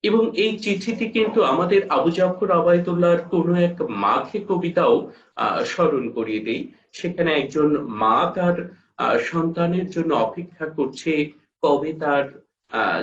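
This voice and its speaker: Bangladeshi bengali guy teaching slowly, lots of ahh pauses, far off in a roomy, muffled recording. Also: fairly high pitch, fairly bright tone. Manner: slow, halting, with frequent drawn-out "ah" pauses; reads quoted letters aloud. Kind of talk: classroom lecture on a poem. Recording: echoey room, far mic, dull lo-fi sound.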